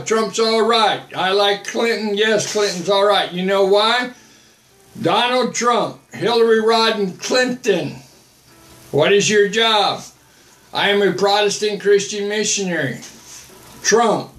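Using a webcam at his desk in a small home office, an older missionary hosts a livestream of preaching and chat, bluntly repeating himself as he answers viewer comments. His voice sits high, a bit bright, in a roomy-sounding space.

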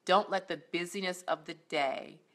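A woman's voice: fairly low pitch, moderate pace, fairly bright tone. A middle-aged woman, a life coach, giving earnest, encouraging faith-based talk to camera at home, with many fillers and restarts. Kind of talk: faith-based motivational vlog. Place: indoors at home, on a couch.

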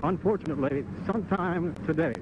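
A man's voice: fairly high pitch, fairly quick, lo-fi sound. A middle-aged man giving a live, improvised TV news report from the street on a handheld mic, on warbly tape. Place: outdoors on a street at night. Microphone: handheld reporter microphone. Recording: warbly warped 1980s VHS tape, heavy noise.

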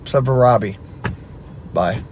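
A man's voice: mid-range voice, measured pace, a little mellow, slight background noise. A man telling a funny family story about his mother, wry and teasing. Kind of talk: casual joking anecdote.

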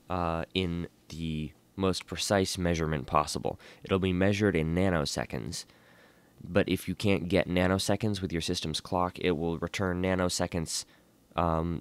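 A tired man teaching a coding lesson, thinking aloud with many fillers and reading code out slowly. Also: deep voice, smooth. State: tired and yawning. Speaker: programming tutorial host. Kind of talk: casual screen-recorded coding lesson.

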